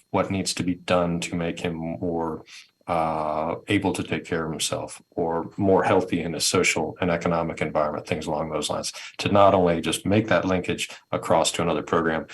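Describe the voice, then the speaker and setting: A deep-voiced man gives a webinar presentation by video call, picked up by a headset or laptop microphone with a little hiss or hum. Thoughtful and conversational, he repeats words and circles back while working toward his points.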